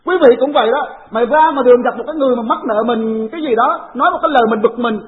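A woman, preaching a sermon in an animated storytelling way and asking the congregation questions. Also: fairly high pitch, racing. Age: 40s. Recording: tinny phone-like recording.

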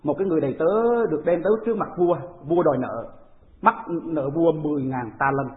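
A woman, preaching a sermon in an animated storytelling way and asking the congregation questions. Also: low voice, fast talker. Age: 40s. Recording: tinny phone-like recording.

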